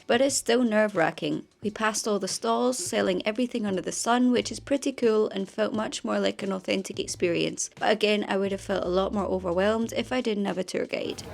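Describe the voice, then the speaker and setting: A woman's voice: mid-range voice, gravelly. A young Scottish woman narrating her travel vlog in an upbeat, chatty way. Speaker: travel vlogger.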